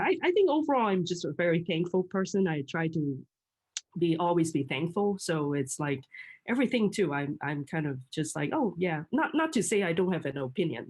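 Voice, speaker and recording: Her voice sits low, a little mellow and husky: a middle-aged woman from Hong Kong chatting freely as a guest in a casual conversation. She's chatty, laughs a lot, and often restarts what she's saying.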